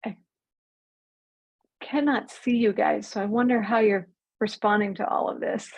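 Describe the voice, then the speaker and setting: A woman teaching an online mindfulness class, speaking calmly and drawing out key words slowly. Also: medium pitch, breathy edge, low-quality recording. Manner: calm, slows and stretches key words. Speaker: mindfulness coach.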